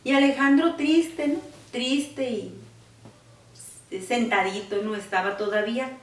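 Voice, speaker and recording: A woman's voice: fairly high pitch, fairly even intonation, unhurried. Mother telling her story, reflective, filler-heavy, roomy sound from a distance. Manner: reflective, with many fillers like "pues" and "¿no?". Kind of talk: personal account in an interview.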